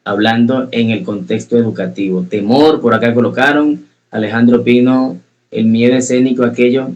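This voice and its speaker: A man's voice: mid-range voice, fairly even intonation, moderate pace, a little mellow, muffled recording. A man teaching a public speaking class, earnest, repeating key phrases for emphasis and asking students questions directly. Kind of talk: online class lecture.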